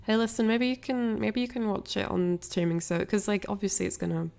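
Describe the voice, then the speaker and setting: A woman hosts a casual livestream while ill with a cold, sniffling and coughing as she rambles apologetically to viewers. Her medium-pitched voice is fairly quick, gravelly, and a bit mellow.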